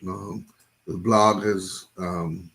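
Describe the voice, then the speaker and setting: A man's voice: deep voice, steady tone, very slow, vocal fry, fairly bright tone. A man teaching a Bible study in an impassioned preaching style, repeating phrases, stumbling over restarts and often checking in with "right?".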